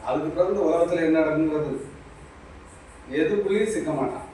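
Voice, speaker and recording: A man's voice: fairly high pitch, fairly quick, warm tone. Man, spiritual teacher, repetitive preachy delivery; distant, echo-heavy recording with faint noise. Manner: preachy, repetitive, addresses listener directly. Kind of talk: impromptu spiritual talk. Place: small shop.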